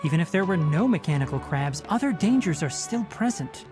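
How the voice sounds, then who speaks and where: A man's voice: a little high, animated, close to an everyday voice. A man voicing Tighnari, a stern forest ranger. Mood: calm. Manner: measured, matter-of-fact and slightly dry. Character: calm, stern young male forest ranger. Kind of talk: game dialogue voice acting. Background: soft game music.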